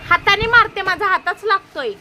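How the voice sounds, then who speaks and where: A woman's voice: extremely high pitch, moderate pace, pushed and bright, slight background noise. A woman with a Marathi accent playing an aunt in a family comedy sketch, scolding and arguing sharply.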